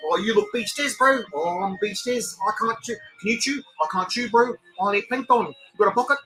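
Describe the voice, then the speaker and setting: A man's voice: sits high, a little fast, bright, forceful tone, faint music behind, pitched above the performer's own voice, poor audio. A man voicing a silly, helpless cartoon beached whale in a broad New Zealand accent with exaggerated slang. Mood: comic complaining. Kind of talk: comic cartoon impression.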